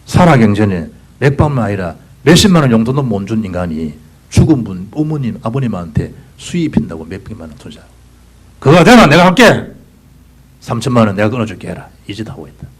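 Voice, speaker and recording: A man with a Gyeongsang Korean accent preaching a sermon as pastor, swinging between loud bursts and hushed whispers. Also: fairly low pitch, animated, fast, husky, rough recording. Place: church sanctuary.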